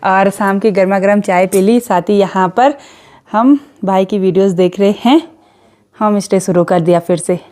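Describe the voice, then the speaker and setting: A woman's voice: mid-range voice, moderate pace, darkish tone, dry recording. A young woman from Uttarakhand, chatting cheerfully as she vlogs outdoors around her hill village on a phone camera. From Uttarakhand, India. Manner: chatty and cheerful, teasing with neighbours. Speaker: vlogger. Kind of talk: casual vlog narration and chat.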